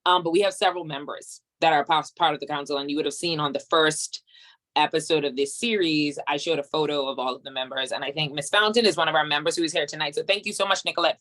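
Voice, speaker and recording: A woman's voice: sits low, fairly bright tone. A woman from Grand Bahama with a Bahamian accent, hosting an online event, upbeat and chatty as she calls out to attendees over a video call. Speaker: host, council chairman.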